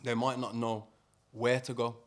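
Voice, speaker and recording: A man with a Birmingham accent speaks as a guest in a relaxed-format interview. His pitch is average. He talks informally, peppering his speech with British street slang and tags like "innit". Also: normal speed. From Birmingham, England. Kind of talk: casual interview chat.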